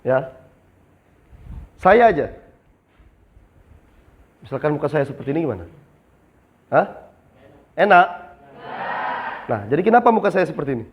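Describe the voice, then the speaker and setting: A man's voice: fairly high pitch, sing-song, moderate pace, long pauses, a little hiss or hum. A young man training new retail staff in a classroom, asking the class questions and answering them himself. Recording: slightly dull lo-fi sound.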